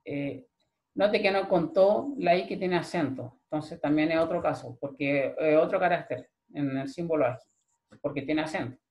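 A man's voice: fairly high pitch, normal speed, a little mellow. A male programming lecturer with a Chilean accent, explaining step by step and checking in with a frequent "¿ya?". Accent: Chilean Spanish. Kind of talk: recorded screen-share class.

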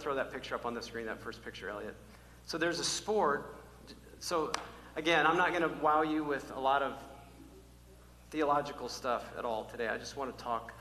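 A male pastor preaching a sermon to his church, emphatic and repetitive, swinging from loud calls to hushed, almost whispered lines. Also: mid-range voice. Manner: emphatic, repeats key words, varies from loud calls to near-whisper. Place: church sanctuary. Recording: echoey hall, faint hum.

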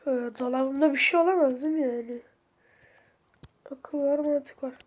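Woman, high voice, sore throat, horror-game commentary, jumpy, yelling and cursing at scares. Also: moderate pace. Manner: jumpy, yells and curses at the game. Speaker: gaming video host. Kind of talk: excited let's-play commentary.

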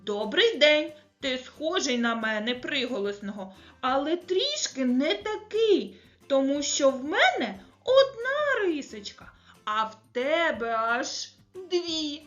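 A woman's voice: sits high, big pitch swings, slow, a bit bright, highs cut off, soft background music, full character voice. Woman voicing a polite consonant letter. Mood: friendly. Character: polite curious male hard consonant letter.

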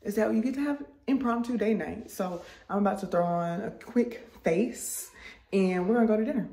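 A woman's voice: medium pitch, normal speed, dark tone. A woman in her thirties chatting casually to camera in a family vlog, talking to viewers like friends. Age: 30s. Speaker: vlogger, mom and doctor. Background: background music.

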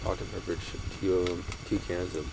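A man telling rambling, halting stories in casual chat at a campsite. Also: deep voice, level tone, gravelly. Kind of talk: casual chat among friends. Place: outdoor campsite at night. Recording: loud outdoor background noise.

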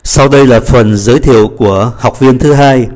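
A man teaching French pronunciation, slowly modeling each phrase and then explaining it. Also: medium pitch, a little mellow. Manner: slow, deliberate model readings of French phrases between quick explanations. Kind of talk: pronunciation lesson.

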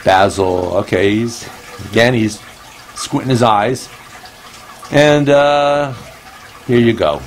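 Male comedy host, slow and meandering, recorded on a phone at home with faint room noise behind. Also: mid-range voice, poor audio. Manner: rambling, meandering delivery. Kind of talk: comedic monologue.

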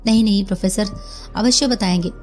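A woman's voice: mid-range voice, brisk, darkish tone, soft background music, lightly acted. A woman voicing a curious young male detective's assistant who asks eager questions.

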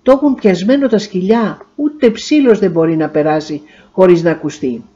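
A woman voicing a devoted, bold young woman in a storybook reading, pleading in a raised, higher voice. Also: dark tone, husky, muffled recording.

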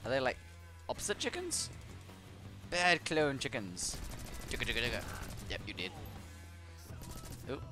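A man's voice: medium pitch, sing-song, normal speed, long pauses. A young man gives playful, chatty let's play commentary on a shooter, making gun noises and swearing. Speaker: gamer playing a shooter. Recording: game music behind the voice.

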